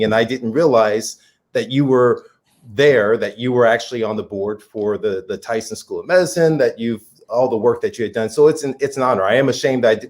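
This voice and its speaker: A man's voice: medium pitch, darkish tone. A man co-hosting an interview show, talking in an enthusiastic, chatty way and laughing easily. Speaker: co-host. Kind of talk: casual conversation.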